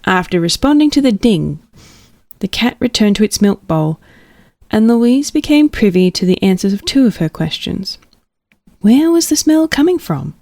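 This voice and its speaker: Sing-song and mellow in a mid-range voice, a woman reads a children's story at a moderate pace. She keeps the tone playful and whispers whenever the plot turns tense, captured in a dry, studio-quality recording.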